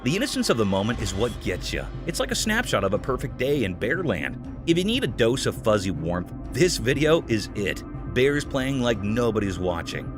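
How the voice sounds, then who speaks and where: A man's voice: medium pitch, big pitch swings, normal speed, few pauses. A man giving a scripted narration in a chatty, folksy storytelling tone. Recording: clear music bed behind. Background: music.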